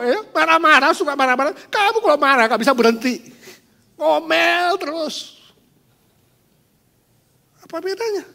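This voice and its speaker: A preacher acting a scoffing drunk husband. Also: male voice, lowish voice, creaky, husky, voice pushed down, heavily acted. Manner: shouting, mocking, exasperated. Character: scornful hard-drinking husband, middle-aged man.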